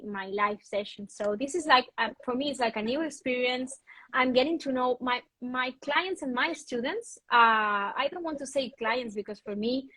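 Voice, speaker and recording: A woman's voice: a little high, pushed and bright, no room sound, rough recording. Earnest woman guest, dry close sound. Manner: earnest, passionate explaining. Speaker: guest, wellness retreat host. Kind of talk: interview conversation.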